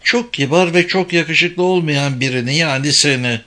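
A man's voice: on the high side, normal speed, bright, forceful tone, pitched above the performer's own voice. A man reading an audiobook voices a confident young woman journalist who teases her companion. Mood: teasing, self-assured. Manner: teasing and self-assured.

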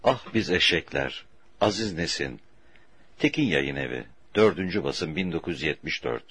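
A man reading a story aloud for an audiobook in a slow, deliberate way, with a husky voice. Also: very deep voice, animated, fairly bright tone, no room sound. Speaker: audiobook narrator.

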